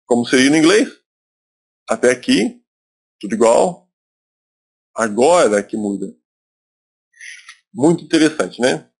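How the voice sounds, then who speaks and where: A man's voice: mid-range voice, lively intonation, a little slow, long pauses, slightly rough. A man from Brazil teaching English in a recorded video lesson, explaining step by step and repeating words for emphasis.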